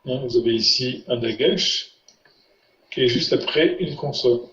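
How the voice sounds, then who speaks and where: A man's voice: medium pitch, unhurried, fairly bright tone. Patient male teacher quizzing his students. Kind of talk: online language lesson. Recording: roomy, muffled lo-fi sound.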